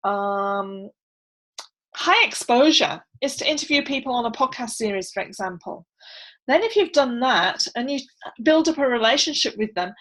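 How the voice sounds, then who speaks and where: A woman's voice: a little high, a bit bright, poor audio. A woman teaching book marketing on an online video call, chatty, with many fillers and frequent laughs. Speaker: book launch coach.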